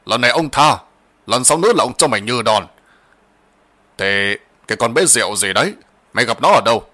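A man voicing an old rural master who is gruff, bossy and blustering, and who stammers in fear. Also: medium pitch, big pitch swings, moderate pace, sharp tone.

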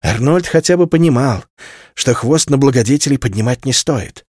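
A man reading a novel aloud as narrator, in an expressive, measured way. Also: mid-range voice, breathy edge, no room sound, studio quality. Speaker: audiobook narrator. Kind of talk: scripted literary narration.

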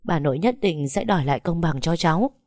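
A grandmother past eighty, doting on her grandchild and quick to scold anyone who harms her, voiced by a woman. Her voice sits low and warm, and the delivery is dry and close. This is a storybook reading. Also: animated, dry recording. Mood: worried. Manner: fussing, scolding. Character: old grandmother over eighty, doting and fierce.

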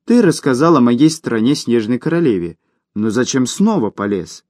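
A man voicing an invisible male dungeon spirit who speaks calmly and seriously with dry, dark humor. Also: medium pitch, moderate pace, dry recording, close to an everyday voice. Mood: mocking. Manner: calm, serious, dryly mocking.

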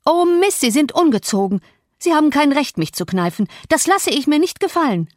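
A woman's voice: sits high, big pitch swings, normal speed, dry recording, studio quality, voice pushed up. A woman reading an audiobook, voicing an indignant servant woman who speaks sharply and reproachfully.

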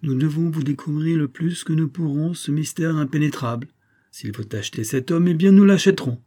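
A man voicing a smooth, scheming middle-aged army major with a coaxing, honeyed manner. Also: on the high side, a little fast, dark tone, voice pushed up, lightly acted. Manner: coaxing, honeyed, then contemptuous.

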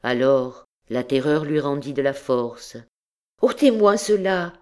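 A woman reading a classic novel aloud as an audiobook, in a measured, solemn way. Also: extremely low pitch, fairly even intonation, mellow, clear, resonant tone. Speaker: audiobook narrator. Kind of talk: scripted literary narration.

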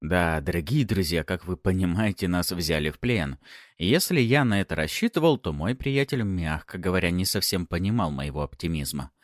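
A man's voice: deep voice, animated, normal speed, no room sound, studio quality. A man narrating a first-person audiobook in a sardonic, mocking tone.

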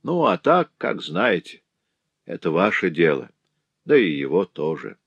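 A man's voice: low voice, big pitch swings, breathy edge, no room sound, highs cut off, heavily acted. A man voicing a grim stern old widow. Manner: slow, cold, commanding. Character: grim older peasant widow, stern mother.

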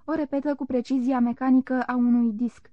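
A woman reading a literary novel aloud in a calm, measured narration. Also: high-pitched, dry recording. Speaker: audiobook reader. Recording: dull, dry, lo-fi recording.

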